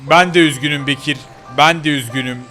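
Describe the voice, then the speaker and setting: A man's voice: fairly high pitch, fairly quick, bright, forceful tone, faint music behind. A man voicing Elif, a bossy young girl. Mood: determined. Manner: bossy, urgent, scolding. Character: brave determined young girl searching for her father. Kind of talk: game role-play voice acting.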